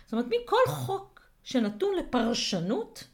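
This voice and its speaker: A woman's voice: high voice, very animated. A woman co-hosting a casual podcast discussion, reflective and full of hesitations and worked examples. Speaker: co-host.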